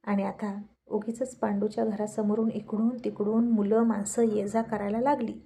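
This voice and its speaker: A woman's voice: medium pitch, level tone, normal speed, dark tone, husky. A woman narrating a serialized story in a plain, conversational way.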